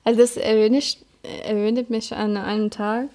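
A woman's voice: fairly high pitch, little pitch movement, normal speed, mellow. A woman guesting on a podcast, telling an anecdote in casual chat.

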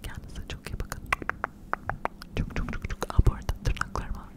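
A middle-aged woman whispering quietly in casual, rambling, self-deprecating ASMR chat, close to the microphone. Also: normal speed. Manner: quiet, hushed late-night whispering. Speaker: ASMR video creator. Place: furnished living room at home, indoors. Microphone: furry-covered microphone close to the mouth.

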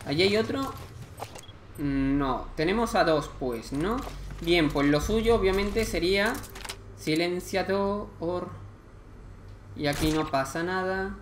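A man with an accent from Spain, casually commenting on a game he plays, chatty and excitable with lots of slang. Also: high voice, slow pace, reverberant, a little hiss or hum. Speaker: gameplay commentator.

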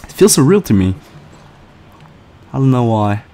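A man casually commentating a video game playthrough, chatty and excitable, swearing often. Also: mid-range voice, normal speed, a little hiss or hum. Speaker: gameplay commentator. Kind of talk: casual let's-play commentary.

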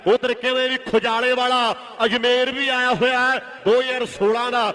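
Man, piercing high voice, forceful, Punjabi accent, village kabaddi commentary, rhythmic repetition. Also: level tone, normal speed. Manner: repeats phrases in a rhythmic run. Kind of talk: live rural sports commentary.

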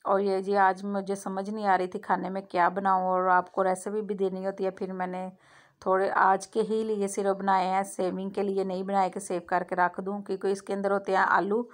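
Woman talking through a recipe in her kitchen, kinda flat even tone, homely chatter into a phone. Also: medium pitch, moderate pace. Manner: homely, repeats "theek hai" and "mashallah" often. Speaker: cooking channel host. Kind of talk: casual cooking vlog narration. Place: home kitchen.

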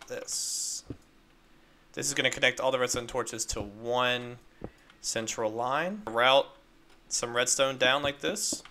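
A Minecraft video creator with a medium-pitched, sharp-toned voice casually narrates a game-building tutorial step by step. He's upbeat and playful, adding little sound effects, and there's slight background noise.

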